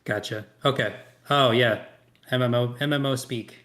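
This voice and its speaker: A man playing a tabletop game, chatting casually as he works out strategy aloud. His voice sits in a mid range, relaxed and conversational. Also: mid-range voice, moderate pace. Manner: thinking aloud about strategy. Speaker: player.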